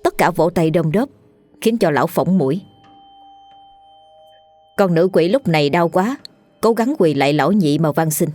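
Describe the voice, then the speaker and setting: A woman narrating a ghost story in a lively, dramatic way. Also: fairly low pitch, moderate pace, long pauses.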